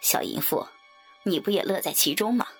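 A woman's voice: mid-range voice, expressive, normal speed, soft background music, pitched below the performer's own voice, natural voice. A woman voicing a smug, scheming young male swordsman who sneers and teases. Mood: mocking. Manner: sneering, teasing.

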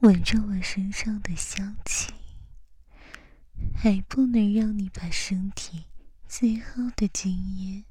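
Woman acting a breathy seductress, soft-spoken right in your ear. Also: mid-range voice, lively intonation, drawn-out words, long pauses, no room sound, heavily acted. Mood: coaxing, teasing. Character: teasing, domineering adult seductress addressing a listener. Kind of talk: ASMR role-play.

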